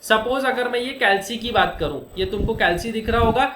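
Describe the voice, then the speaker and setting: Man teaching accounting in an echoey room. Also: very high voice. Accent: Indian. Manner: explains step by step with rhetorical questions; slows down to dictate formulas. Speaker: commerce teacher. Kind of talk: classroom lecture. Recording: echoey room, faint noise.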